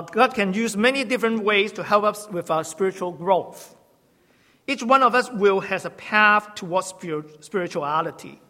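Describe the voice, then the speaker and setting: A high-voiced man from Hong Kong, a church teacher, gives a sermon-style teaching talk. He speaks haltingly, corrects himself, and adds gentle humor, with long hall reverb on the recording.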